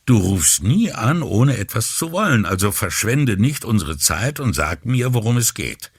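A man's voice: low voice, sing-song, measured pace, slightly rough, no echo, clean studio sound, full character voice. A man reading an audiobook voices a playful, mock-serious male journalist speaking over a speakerphone. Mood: teasing. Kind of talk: audiobook character voice.

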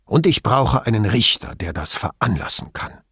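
A pompous police chief, voiced by a man reading an audiobook, pushes every point with indignant emphasis. His husky voice leaps around in pitch, and the recording is close and dry. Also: big pitch swings, normal speed, a bit bright, no echo, full character voice.

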